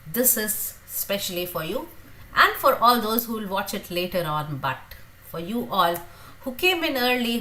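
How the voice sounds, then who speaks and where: Woman in her fifties, livestream chat, mid-pitched voice, lots of pauses. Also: sharp tone, poor audio. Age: 50s. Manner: chatty and grateful, many pauses and fillers. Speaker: teacher and livestream host.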